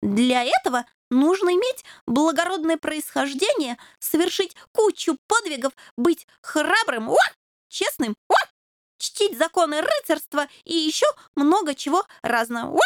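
A woman's voice: animated, measured pace, no room sound, studio quality. A woman voicing a young male fox terrier puppy who dreams of knighthood, pompous and chivalrous, always saying "oh". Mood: thoughtful. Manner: high-pitched, peppers speech with "oh".

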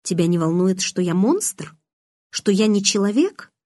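A woman's voice: medium pitch, lively intonation, unhurried, mellow, no echo. A woman reading an audiobook, voicing an aloof teenage vampire boy with a dry, sardonic, restrained manner. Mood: cool, mocking.

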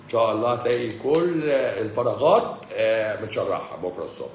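A rapid-fire Egyptian man in his forties answers comments on a live stream with mocking sarcasm. He jumps from loud, exasperated bursts to low mutters. His voice rings around an echoey room. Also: animated, a little hiss or hum. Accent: Egyptian Arabic. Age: 40s. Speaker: doctor hosting a live stream.

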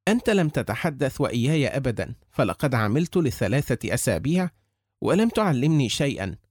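A man's voice: mid-range voice, big pitch swings, fairly quick, a little mellow, no room sound. A man voicing an indignant nine-year-old boy who pleads and accuses, close to tears, in an audiobook. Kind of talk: audiobook character reading.

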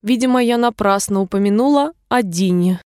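Storybook cast: a polite, eager young girl, put on by a woman, high and sweet. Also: expressive, moderate pace, dry recording, clean studio sound, close to an everyday voice. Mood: wistful. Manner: polite, earnest.

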